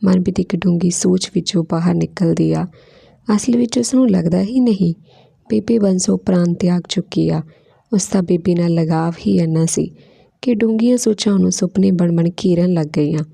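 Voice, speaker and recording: A woman narrates an emotional story in a slow, descriptive way. Her voice is low and gravelly with a dark tone. The recording is dry and close. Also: no room sound.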